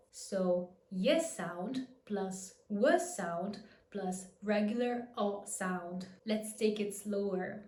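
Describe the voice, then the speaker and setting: A woman teaching a pronunciation lesson, patient and clear, demonstrating each word slowly and repeating it. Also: medium pitch, a little mellow, roomy sound. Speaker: language teacher.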